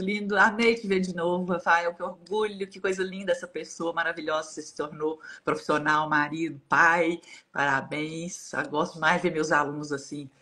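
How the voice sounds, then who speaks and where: A woman's voice: low-pitched, fairly bright tone. A middle-aged woman from Brazil with a Brazilian Portuguese accent, an English teacher hosting a casual live-stream chat over a video call, gushing with praise and laughing often.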